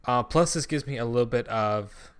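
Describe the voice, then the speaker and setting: A man's voice: mid-range voice, moderate pace, smooth. Young man, gaming channel host, casual commentary, rambling, lots of ums, swears freely. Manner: thinks aloud with many ums and frequent swearing; rambling, drops and restarts sentences.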